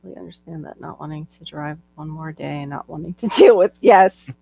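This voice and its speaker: Chatty woman with a gravelly voice. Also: sits low, moderate pace, warm tone, no room sound. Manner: chatty, laughs often. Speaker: livestream host. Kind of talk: casual chat. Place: home livestream. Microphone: video call.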